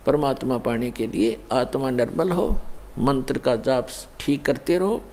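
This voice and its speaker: Mellow-voiced preacher man. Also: a little high. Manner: addresses listeners as "punyatmaon", explains with everyday examples. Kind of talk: Hindi spiritual sermon.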